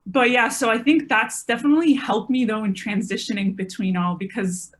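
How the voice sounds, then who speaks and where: A woman's voice: a little high, steady tone, brisk. A woman in her twenties, a podcast guest, talking casually and rambling a little with lots of filler words. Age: 20s. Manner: chatty, rambling, many "like" fillers. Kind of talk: casual conversation.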